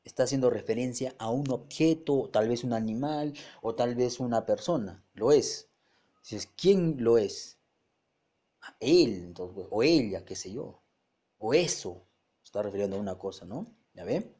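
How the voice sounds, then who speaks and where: A man's voice: mid-range voice, lively intonation, normal speed, dark tone. A male teacher, giving a grammar lesson step by step, often restarting words and checking that students follow.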